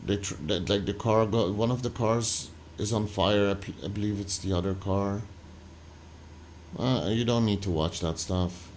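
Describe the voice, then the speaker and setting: Man, reaction video host, lower pitch, loose halting commentary, faint background noise. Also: darkish tone. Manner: loose, halting, full of "like" and restarts. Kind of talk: casual commentary over footage.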